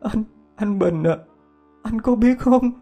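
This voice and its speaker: Man putting on a high, tearful young woman. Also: slow pace, gravelly, dark tone, faint music behind, full character voice. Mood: grieving. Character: grieving young pregnant woman, desperate.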